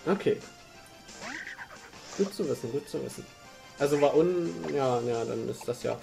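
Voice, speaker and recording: A man's voice: medium pitch, normal speed, gravelly. A man chatting casually as he plays a video game and reads out its lines in a silly, playful manner. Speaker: let's player. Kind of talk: casual gameplay commentary, reading game dialogue aloud. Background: game music.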